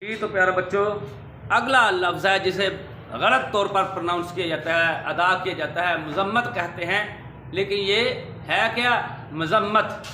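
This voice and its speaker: A man teaching word pronunciation to children, drawing words out slowly and quizzing with rising questions. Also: high-pitched, bright, forceful tone, a little hiss or hum. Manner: slow, drawn-out repetition of words. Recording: echoey room with faint ambience.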